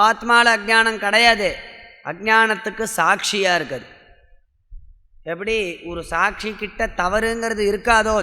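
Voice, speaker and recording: Man, spiritual discourse, high voice, patient explaining, rhetorical questions, reverberant hall. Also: pushed and bright. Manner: quotes verses in a classical language. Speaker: scripture lecturer. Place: lecture hall of a religious society.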